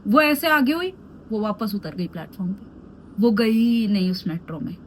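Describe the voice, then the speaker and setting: A young woman in her twenties, a beauty vlogger, telling an animated storytime story. She mixes Hindi and English as she talks. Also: medium pitch, moderate pace, slight background noise. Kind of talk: storytime vlog while doing skincare.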